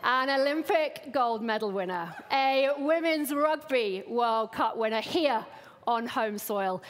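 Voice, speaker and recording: A woman's voice: a little high, expressive, slow pace. A woman, hosting an event and interviewing a guest on stage. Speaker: host, interviewer. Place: large theatre stage. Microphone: headset.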